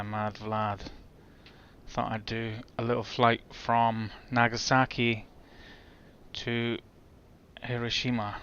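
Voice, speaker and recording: A man's voice: on the low side, a bit bright, clear, resonant tone, lo-fi sound. A man giving casual, chatty commentary as he sets up a flight in a simulator, thinking aloud as he goes. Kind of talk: casual commentary while gaming.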